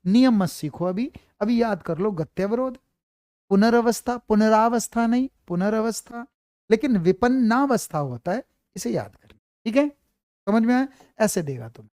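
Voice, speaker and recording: Man, grammar teacher, warm relaxed tone, dry close sound, repeats himself, keeps checking understanding. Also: sits high, normal speed, no echo. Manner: repeats points, keeps checking if students follow; calls students "beta", reassuring. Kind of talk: online class lecture.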